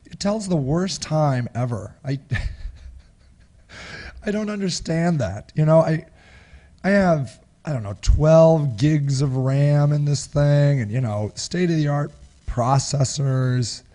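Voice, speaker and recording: The raspy, cold-roughened voice of a middle-aged webinar host comes through a studio mic placed close in front of him in his small home office. Fairly high and warm in tone, he is animated yet slow, drifting through casual chat with frequent restarts and chuckles while gesturing with his hands.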